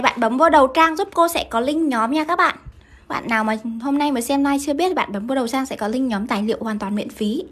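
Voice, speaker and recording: A Vietnamese woman teaches English grammar live, her high voice moving briskly through the exercises. She keeps checking in with her audience as she works. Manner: brisk, keeps asking students to confirm. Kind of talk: live-streamed grammar lesson.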